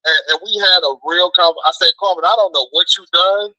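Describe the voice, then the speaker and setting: An American food truck cook phones into a show, chatting casually and telling stories in slangy, emphatic phrases he keeps repeating. His voice is high-pitched, quick and sharp in tone, heard over a dry, rough phone-call recording.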